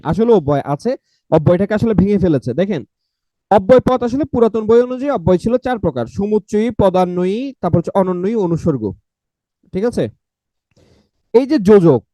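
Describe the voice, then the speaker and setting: Man, lecturing grammar, high mellow voice, repeats and quizzes, dry close mic. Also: no room sound. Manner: repeats points, quizzes the class with questions. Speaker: grammar teacher. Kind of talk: online exam-prep lecture.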